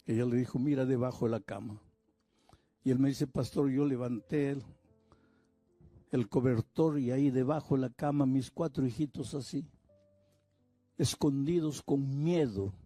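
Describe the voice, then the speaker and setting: An older man from Peru, a pastor telling a story in a sermon, slow and measured, voicing the people he quotes. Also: medium pitch, warm tone, no echo, faint music behind.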